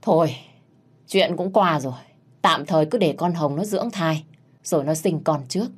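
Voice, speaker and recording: A woman voicing an old grandfather who heads the family and settles matters gruffly. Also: low voice, moderate pace. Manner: gruff, decisive.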